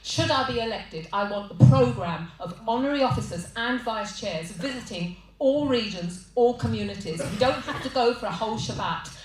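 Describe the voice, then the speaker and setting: A woman's voice: a little high, lively intonation, moderate pace, few pauses. A woman from Cardiff answering as a candidate at a hustings, direct and emphatic. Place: large hall with an audience. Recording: echoey hall from far off.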